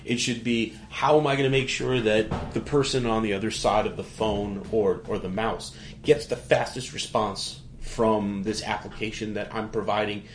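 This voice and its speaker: A man's voice: on the low side, fairly even intonation, moderate pace. Rambling New York man, roomy sound. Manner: rambling, restarts, frequent "like" and "you know". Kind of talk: casual tech conversation.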